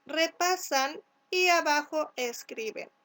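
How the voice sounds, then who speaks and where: A woman from Chile teaching a first-grade class, speaking slowly and clearly, sounding out letters and syllables and often checking with "¿cierto?". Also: high-pitched, a bit bright. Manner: asks "¿cierto?" to check along. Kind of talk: recorded remote class instructions.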